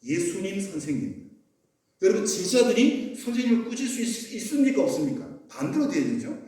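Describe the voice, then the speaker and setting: A man's voice: sits high, very animated, brisk, mellow. A male pastor preaching a sermon, emphatic, often putting questions to the congregation. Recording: echoey church hall, mic far off.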